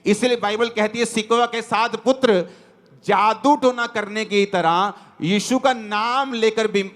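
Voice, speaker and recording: A man's voice: high-pitched, a little slow, fairly bright tone. A man pastor, preaching a sermon and retelling Bible stories with English words mixed in.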